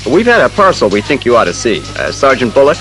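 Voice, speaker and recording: A man playing a gruff but friendly police commissioner in an audio drama, with a familiar, good-humoured manner. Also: medium pitch, very animated, fast, over music, lightly acted, low-quality recording. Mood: businesslike, puzzled.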